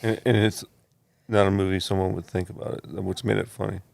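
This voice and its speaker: A man co-hosting a podcast in casual chat, laid-back and a little hesitant, with a gravelly voice. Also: low-pitched, little pitch movement, brisk, a little mellow, dry recording. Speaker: podcast co-host.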